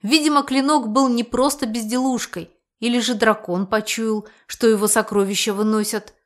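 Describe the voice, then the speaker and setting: A woman reading a fantasy audiobook with lively storytelling. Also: on the high side, normal speed. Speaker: audiobook narrator. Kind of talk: scripted fantasy narration.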